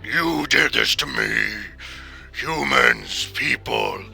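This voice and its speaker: A man voicing a wounded, furious giant shark in a deep, gravelly, accusing growl for a tabletop game. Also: extremely slow, sharp tone, soft background music, exaggerated voice.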